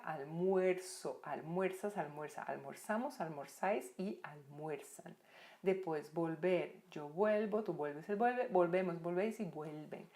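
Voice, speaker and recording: A woman explains Spanish verbs as a teacher. She reads the verb forms out slowly and checks in with her learners often. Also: on the low side. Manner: lively, repeats verb forms slowly, many tag questions.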